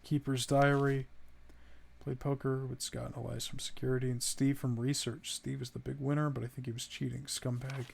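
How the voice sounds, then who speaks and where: A man streams a horror game, his mid-range voice flat in pitch, moderately paced, with vocal fry and a breathy edge. He comments casually, reads in-game notes aloud, swears when startled and laughs at the grim text.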